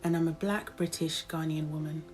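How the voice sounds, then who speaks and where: A woman's voice: low voice, fairly even intonation, normal speed, darkish tone, soft background music. A woman giving earnest advice in a reflective interview. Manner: earnest, advising.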